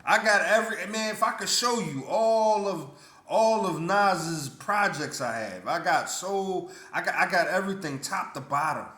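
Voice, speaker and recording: A man's voice: high-pitched, moderate pace, pushed and bright. A man vlogging his blunt, indignant opinion in casual speech full of stammered restarts. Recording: roomy echo.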